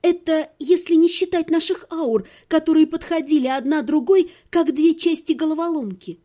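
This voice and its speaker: A woman's voice: high voice, moderate pace, warm tone. A woman narrating a first-person audiobook, telling the story evenly and expressively.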